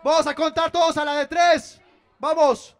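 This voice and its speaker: A host bellows over a freestyle rap battle, calling time and demanding noise, his voice pitched very high. A hip hop beat sits faintly underneath. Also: flat delivery, moderate pace, soft background music. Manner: loud, rallying, calls for noise. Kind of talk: hyping up a live rap battle.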